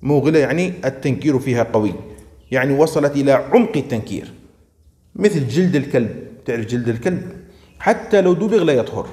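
A man's voice: mid-range voice, lively intonation, mellow. Man teaching in an echoing hall. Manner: checks understanding with frequent questions to students; slows down and stresses words when reading out examples. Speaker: grammar teacher. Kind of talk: classroom lesson.

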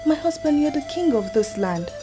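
A woman's voice: high voice, sing-song, moderate pace. A woman playing an earnest queen in a film drama, entreating, with a Nigerian accent. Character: earnest queen reasoning with her husband. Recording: film music behind voice.

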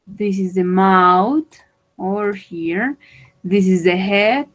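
Slow, careful woman teaching English. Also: mid-range voice, rough recording. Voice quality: slow, careful explaining with repetition. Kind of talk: bilingual online English lesson.

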